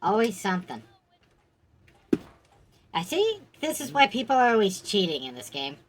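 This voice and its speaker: A woman's voice: medium pitch, very animated, normal speed, a little hiss or hum. A woman streaming a game, chatting casually with friends in a wry, offhand way. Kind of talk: casual gaming chat.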